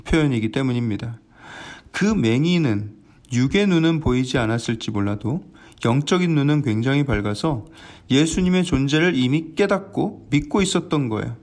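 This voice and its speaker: A man preaching an early-morning sermon as senior pastor, earnest and animated, acting out scenes in his storytelling. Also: mid-range voice. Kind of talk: dawn prayer sermon.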